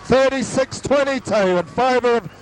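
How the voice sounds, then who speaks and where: His voice very high and worn hoarse, a commentator excitedly calls a local rugby league game at normal speed, soaring on breaks as he loses his voice. He's in an outdoor grandstand at a suburban oval, and the audio is poor: an old amateur sports recording with a noisy crowd.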